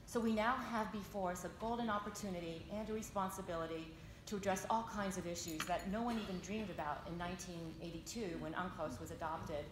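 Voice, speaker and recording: A woman reads a formal prepared statement as a delegate, in a measured, earnest and emphatic manner. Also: lowish voice, steady tone. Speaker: NGO delegate speaking for an alliance. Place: large indoor conference meeting room. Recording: echoey conference hall, background noise.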